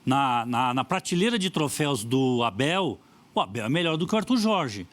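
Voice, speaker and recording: A Brazilian man giving football opinions in a lively debate, stressing points by repeating phrases. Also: mid-range voice, normal speed, a crowd in the background. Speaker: football pundit.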